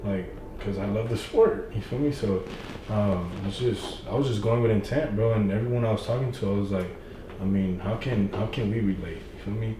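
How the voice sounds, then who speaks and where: This young adult podcast guest chats casually and briskly, full of slang and "you feel me," acting out quotes with big pitch jumps. He sits far from the mic in a roomy space with faint noise.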